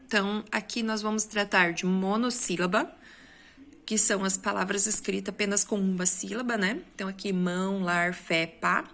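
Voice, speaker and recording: A woman's voice: mid-range voice, steady tone, moderate pace, fairly bright tone. A woman with a Brazilian Portuguese accent, a school teacher going through exercise corrections in a recorded lesson, explaining step by step and often checking in with the class.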